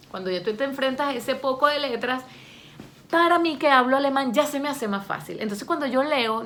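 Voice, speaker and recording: A woman chatting to camera in a lively, expressive way. Her voice sits a little high for a woman. She laughs easily as she tells her stories. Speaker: vlogger and language learner. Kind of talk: casual talk to camera.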